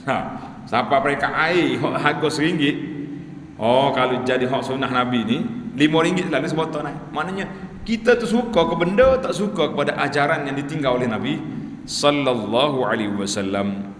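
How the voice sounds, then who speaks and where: Malaysian malay guy preaching, chatty and lively, roomy echo with a little noise behind. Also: a little high, a little fast. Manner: lively, conversational, leads the group in chanted prayers. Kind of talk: religious study-circle lecture. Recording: echoey hall with faint background noise.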